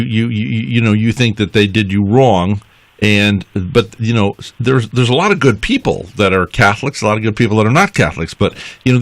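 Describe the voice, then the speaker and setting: A man hosting a radio talk show, teasing his guest and preaching in a lively, casual way. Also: lowish voice, no echo.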